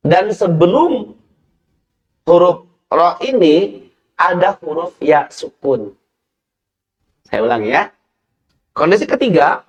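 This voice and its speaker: Man teaching recitation, slow deliberate delivery, patient, repeats and demonstrates sounds, tv lesson. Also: high voice, highs cut off. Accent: Indonesian. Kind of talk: televised tajwid lesson.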